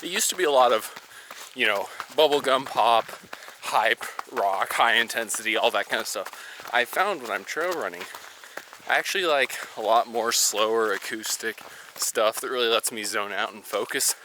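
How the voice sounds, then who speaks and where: A man's voice: medium pitch, moderate pace, bright, forceful tone, a little hiss or hum. A man talking casually to camera while running outdoors on a mountain trail, as in a personal vlog. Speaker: running vlogger.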